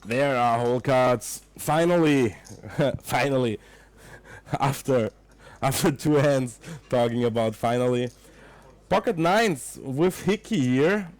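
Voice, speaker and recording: A young Austrian man with a mid-range, slightly dark voice speaks slowly in English with an Austrian German accent, commentating a poker livestream and chatting with viewers. He sometimes searches for words, and the recording has no echo.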